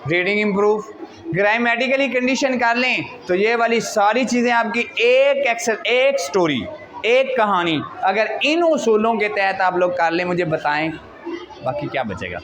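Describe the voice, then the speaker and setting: A male English teacher lectures a class and fires question after question at his students. Pupils chatter all around him. The recording is loud and noisy. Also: high voice. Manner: asks the class many questions, calls students "beta". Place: school classroom.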